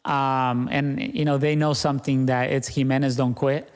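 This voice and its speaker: A man's voice: mid-range voice, flat delivery, normal speed, clean tone, in a large hall. A young man talking earnestly as a podcast guest, often tagging his points with "right?". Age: young adult. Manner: earnest, repeats "right?" and "you know". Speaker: guest, business owner. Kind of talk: podcast interview.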